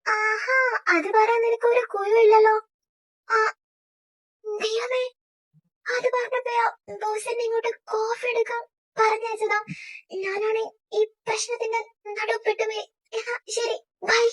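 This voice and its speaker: A woman's voice: very high voice, little pitch movement, a little slow, long pauses. A woman voicing a timid young female personal assistant who pleads and defends herself. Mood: anxious.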